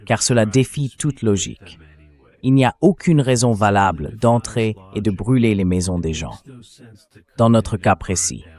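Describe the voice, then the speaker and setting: A man in his thirties speaking in a measured, earnest way as a community vice-president in a dubbed interview voice-over. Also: fairly low pitch, a little mellow. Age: 30s.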